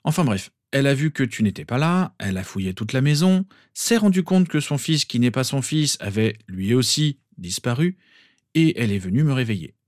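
A man plays a stern but kind father, scolding firmly in a medium-pitched, expressive voice at normal speed. It's pitched above his own voice but close to an everyday one, recorded in a clean studio with no echo.

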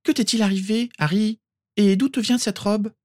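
A man's voice: sits high, normal speed, a little mellow, pitched above the performer's own voice, close to an everyday voice. Hermione Granger, a man doing a bossy teenage girl. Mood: scolding, concerned.

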